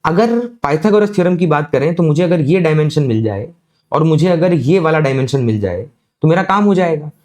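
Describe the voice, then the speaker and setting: A man giving a physics lecture, explaining slowly and deliberately and often checking that students follow. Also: on the high side, animated, darkish tone. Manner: slow, deliberate explaining with frequent check-ins. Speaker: physics teacher.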